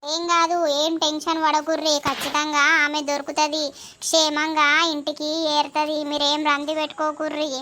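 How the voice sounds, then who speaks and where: A woman's voice: high voice, monotone, normal speed, bright, forceful tone, slight background noise. A woman voicing a caring village neighbor woman in a cartoon, comforting and fussing, with a Telangana Telugu accent.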